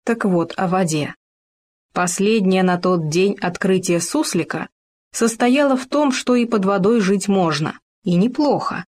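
A woman with a mid-range voice reads a children's story aloud. Her telling is lively and expressive, the way one reads to children. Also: medium pitch, unhurried.

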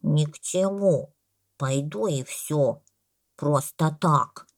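A woman voicing a stubborn, literal-minded little elephant who speaks slowly and matter-of-factly. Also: low-pitched. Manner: slow, flat, matter-of-fact.

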